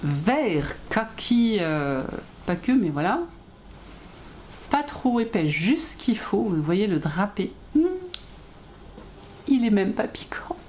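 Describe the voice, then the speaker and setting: A woman's voice: medium pitch, sing-song, slow, pauses often, darkish tone. A woman in her thirties chatting casually and enthusiastically as a vlogger, with many fillers and laughs. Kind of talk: casual chat. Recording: echoey room with faint ambient noise.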